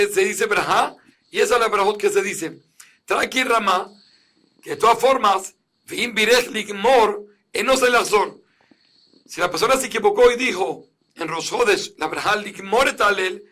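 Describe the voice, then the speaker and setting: A man's voice: sits high, bright, forceful tone. A man teaching a lesson on religious law, reading Hebrew passages aloud and then explaining each one plainly in Spanish.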